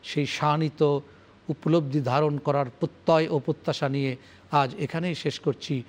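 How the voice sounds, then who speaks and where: Solemn male scholar with a fairly high voice. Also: fairly even intonation, unhurried. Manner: recites Arabic verses, then explains them in rhythmic, repetitive phrases; formal, solemn address to the audience. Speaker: Islamic scholar presenting Quran commentary. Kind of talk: televised religious lecture.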